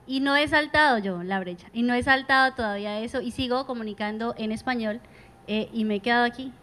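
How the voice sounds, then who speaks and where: A woman's voice: on the high side, fairly quick, fairly bright tone. A woman on a panel who works as a social communicator, speaking candidly and reflectively. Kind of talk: panel talk.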